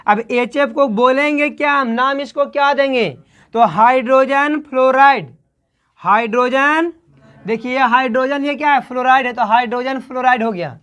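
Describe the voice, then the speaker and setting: A woman's voice: high voice, normal speed, fairly bright tone. Hindi-speaking woman teaching chemistry class. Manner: asks questions and answers them herself, repeating key words. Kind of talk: online class lesson.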